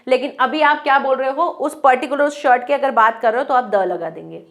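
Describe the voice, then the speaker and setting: A woman's voice: sits high, fairly bright tone. A woman teaching an online grammar lesson, explaining step by step and asking and answering her own questions. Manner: reads English sentences slowly and deliberately.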